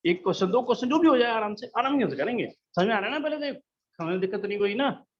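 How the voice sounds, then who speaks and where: High-voiced patient male math teacher. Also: expressive, fast talker, muffled recording. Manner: patient, coaxing, checks understanding often. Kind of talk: classroom lesson. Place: classroom.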